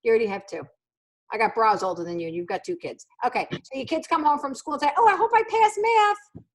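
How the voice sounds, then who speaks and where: A woman's voice: mid-range voice, lively intonation, fast talker. A middle-aged woman running a sales training on a video call, blunt, jokey and teasing, often mimicking other people's voices. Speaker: sales trainer leading a new consultant call. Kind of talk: casual motivational training talk on a video call.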